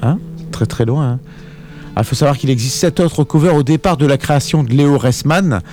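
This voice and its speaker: A man presenting a relaxed, conversational radio music segment as columnist. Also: medium pitch, normal speed. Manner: relaxed, conversational, ends phrases with tag words. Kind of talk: radio music segment, casual studio chat.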